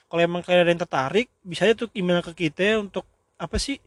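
Male podcast co-host, high-pitched, dry sound, playful slang. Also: no room sound. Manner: slangy, joking, quick back-and-forth. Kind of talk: casual chat.

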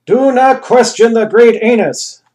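Playing a comic tyrant who is a talking male anus, a man delivers slow, commanding declarations with booming grandiosity. His pitch is a little high and slightly mellow, raised yet still sounding natural.

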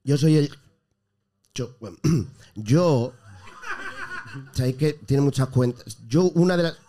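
A man's voice: medium pitch, slow, warm tone. A male comedian improvising a bit, rambling and stammering playfully. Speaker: comedian guest.

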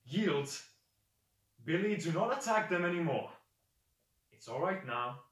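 A man's voice: fairly high pitch, lively intonation, unhurried, voice pushed up. A man voicing a hooded male orc healer who cheerfully coaxes his ogre companion. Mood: coaxing. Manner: cheerful, coaxing, talks to his ogre like a pet. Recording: roomy, distant mic.

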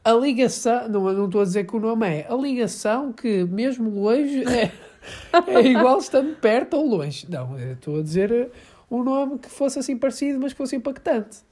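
A man's voice: very high voice, animated, brisk, mellow. A young man with a European Portuguese accent, co-hosting a podcast in casual, teasing, slangy banter. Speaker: podcast co-host with his mother.

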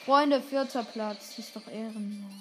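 Excitable woman chatting over gameplay. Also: fairly high pitch, measured pace, slight background noise. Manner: excitable, frequent loud exclamations. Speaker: gaming channel host. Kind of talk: casual gameplay chat.

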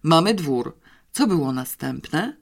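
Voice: mid-range voice, lively intonation, slow, creaky, heavily acted. A wry, patient police captain in a storybook, read by the narrator, coaxing children along in a slightly mysterious way. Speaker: adult character in an audiobook. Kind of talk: audiobook character reading.

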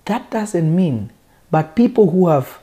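Very animated, with a mellow voice that sits high, a native Lingala-speaking preacher teaches in a conversational way. His phrasing is emphatic and deliberate, punctuated by rhetorical questions.

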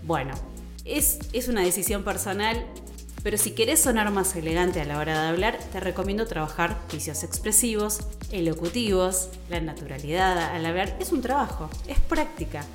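A woman radio announcer with an Argentine accent, giving advice on a podcast in a measured, emphatic, teacherly way. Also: on the low side, lively intonation. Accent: Argentine Spanish. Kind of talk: instructional podcast talk. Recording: roomy echo with faint music.

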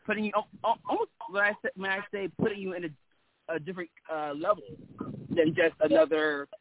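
A man's voice: high voice, fairly even intonation, fairly quick, a little hiss or hum. Man host on a tinny line. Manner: rambling, many restarts and fillers. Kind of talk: casual interview chat.

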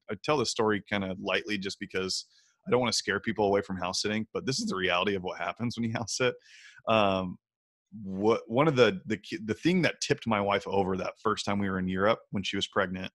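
A man's voice: lowish voice, a bit bright, dry recording, studio quality. A man in his thirties, a podcast guest, telling stories in a rambling way with lots of fillers and restarts. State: hiccups. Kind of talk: casual interview chat.

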